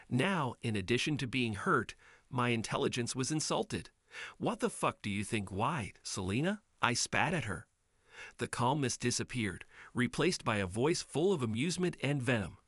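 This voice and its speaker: Male storyteller, measured scripted narration, dry close recording. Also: medium pitch, fairly bright tone, no room sound. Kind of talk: scripted first-person storytelling.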